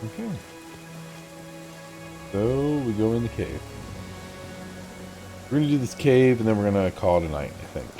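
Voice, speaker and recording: A man hosting a let's play, giving relaxed, casual game commentary and muttering remarks to himself. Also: on the low side, moderate pace, pauses often, soft background music.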